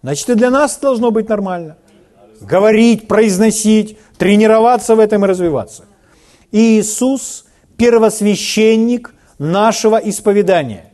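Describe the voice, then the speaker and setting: A man's voice: high-pitched, moderate pace, dark tone. A male pastor preaching a sermon in a conversational way, acting out quoted everyday speech as a congregation answers him.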